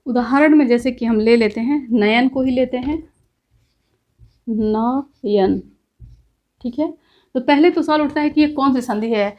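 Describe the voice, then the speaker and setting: A woman teaches a grammar lesson. Her voice sits a little high, and she explains patiently. She stops often to check that her listeners follow. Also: a little fast, dark tone. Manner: explains step by step with repeated checks.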